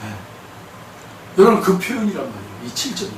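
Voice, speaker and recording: A male pastor preaching a sermon in a church sanctuary, emphatic, with shouted bursts and rhetorical questions. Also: sits high, very animated, brisk, a little hiss or hum. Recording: echoey hall from a distant mic.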